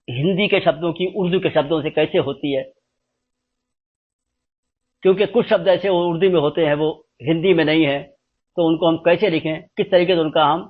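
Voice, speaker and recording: A man giving a slow, explanatory spoken lesson, spelling out letters one by one. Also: on the high side, narrow, tinny audio. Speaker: teacher. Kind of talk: spoken lesson on script and pronunciation.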